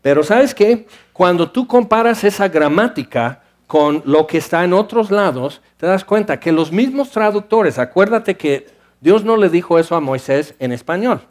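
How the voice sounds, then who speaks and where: A male preacher with a voice that sits high for a man. He speaks in an animated way, acting out his listeners' voices and dropping to a hush between louder stretches. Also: moderate pace. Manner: animated, acts out listeners' voices, shifts between loud and hushed. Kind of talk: sermon.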